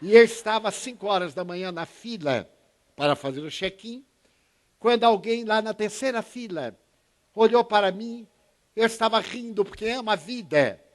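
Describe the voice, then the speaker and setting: A man's voice: animated, normal speed. A man in his eighties from Bahia with a Bahian Brazilian accent, giving an inspirational talk and acting out the voices in his anecdotes. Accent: Bahian Brazilian Portuguese. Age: 80s. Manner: storytelling, acts out dialogue with shifts in pitch and volume. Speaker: spiritist speaker.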